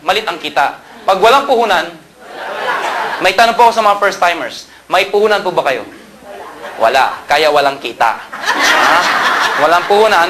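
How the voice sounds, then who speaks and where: A man from Pangasinan giving a joking sales pitch at a marketing seminar, asking the audience questions and shouting punchlines. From Pangasinan, Philippines. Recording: live event with loud crowd and noise.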